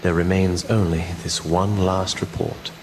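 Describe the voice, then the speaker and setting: An actor playing a solemn, formal presenter of evidence in scripted radio drama narration. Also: male voice, low voice, level tone, unhurried, a little hiss or hum, low-quality recording. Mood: grave, formal.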